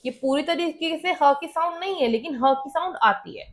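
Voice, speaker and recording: A woman's voice: sits high, normal speed. A woman teacher explaining a school lesson, often asking students a question and then answering it herself.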